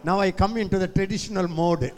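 A man's voice: high-pitched, steady tone, fast. A man with a South Indian accent preaching a sermon to a congregation in a theatrical manner, repeating phrases and acting out sounds. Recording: echoey hall with music behind.

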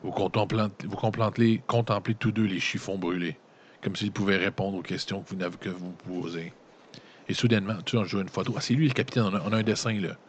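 A man's voice: low voice, fast talker, highs cut off, slight background noise. A man with a Quebec French accent reading a gamebook aloud and breaking off into casual, slangy joking asides. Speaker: gamebook reader and player.

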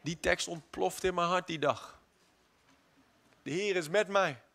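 A man with a high, ringing voice delivers a sermon. He swings between hushed, stretched-out lines and loud, forceful declarations, and now and then slips into an English phrase. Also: measured pace, gravelly. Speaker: preacher.

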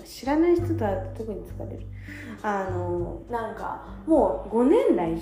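A tired young woman in her twenties chatting casually on her own, self-mocking and acting out quotes in a higher voice. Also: vocal fry, roomy sound. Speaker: vlogger. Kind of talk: casual solo chat. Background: soft guitar music.

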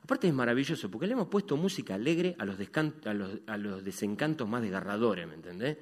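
Rioplatense male pastor, lively preaching, reverberant church hall. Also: fairly low pitch, fast talker. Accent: Rioplatense Spanish. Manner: animated preaching, swings between loud and hushed. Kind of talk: sermon.

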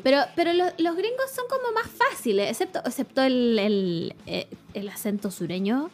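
A woman's voice: high-pitched, big pitch swings, moderate pace. A young woman with a Chilean accent co-hosting a casual podcast, talking in slang and laughing often. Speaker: podcast co-host. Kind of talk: casual chat.

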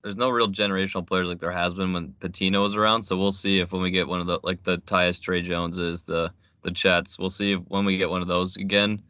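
A young adult man talking basketball on a radio chat, quick and matter-of-fact. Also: deep voice, little pitch movement, sharp tone, dry recording. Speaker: guest. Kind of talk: casual sports radio chat. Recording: muffled lo-fi audio.

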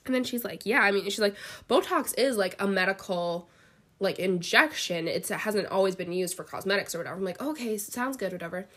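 Sitting on her bed, a podcast co-host chats through a story, slightly congested with a head cold. She speaks a little fast in a fairly bright, medium-pitched voice. Her delivery is full of fillers, and she animatedly acts out other people's dialogue.

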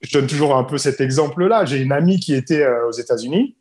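A man's voice: mid-range voice, animated, fast, darkish tone, echoey room. A man from France who teaches English, talking casually on a podcast and explaining his points with examples and repetition.

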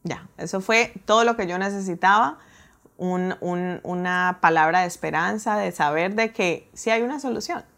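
A woman telling a personal story in a casual, animated way, acting out her own reactions. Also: on the low side, moderate pace. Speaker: guest telling her testimony.

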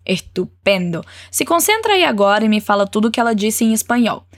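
A woman's voice: medium pitch, sing-song, no room sound, clean studio sound. Encouraging woman teaching Spanish phrases. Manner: encouraging, models phrases slowly and clearly. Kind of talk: language lesson with repeat-after-me drills.

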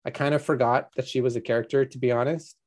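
A man's voice: medium pitch, steady tone, fast. A man co-hosting a podcast, chatting casually through a book chapter with lots of "like" and "um". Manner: chatty, filler-heavy recap. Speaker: podcast co-host.

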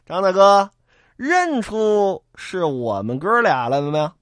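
A man's voice: high voice, sing-song, measured pace, fairly bright tone, no echo, heavily acted. Bullying bandit leader, wheedling and threatening; a man performs him, dry sound. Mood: coaxing. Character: menacing bandit leader, smooth-talking bully.

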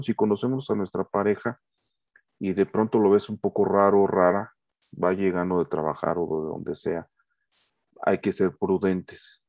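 A middle-aged man teaching a casual lesson, often pausing with fillers and restarts and checking that listeners agree. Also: fairly low pitch, mellow, no echo. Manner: talks with many fillers and restarts, asks for agreement. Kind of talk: casual lecture.

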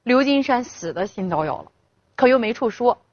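A woman telling a scripted story with expressive, colloquial flair. Her husky voice rises and falls a great deal, and the recording sounds dull and dry. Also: on the high side, normal speed, no room sound.

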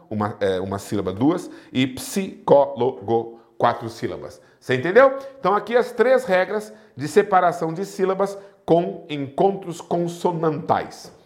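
A man teaching a grammar lesson, explaining step by step and checking in with his students every few sentences. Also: medium pitch. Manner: lively, checks in often with the class. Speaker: Portuguese teacher.

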